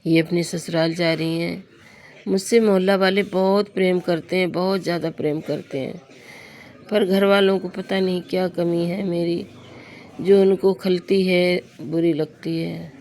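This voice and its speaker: Hoarse young woman, flat gravelly voice. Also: on the low side, unhurried. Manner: confiding, addresses viewers as friends. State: hoarse, sore throat. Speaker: vlogger. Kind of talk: casual everyday vlog narration.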